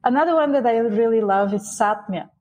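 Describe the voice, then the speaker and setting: Animated woman explaining as a guest. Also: on the high side, a little fast, a little hiss or hum. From Bulgaria. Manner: explanatory, animated, with frequent restarts. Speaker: guest, Ayurveda author. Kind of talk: interview conversation.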